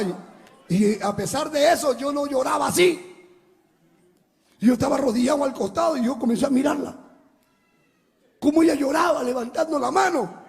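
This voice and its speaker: A man, a pastor giving a dramatic testimony sermon that swings from shouting to hushed speech. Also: extremely high pitch, creaky. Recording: long hall reverb.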